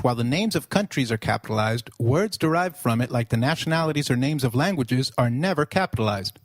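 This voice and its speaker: A man narrating a scripted beginner language lesson in an upbeat teaching manner, slowing down to model words. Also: on the high side, dry recording, clean studio sound.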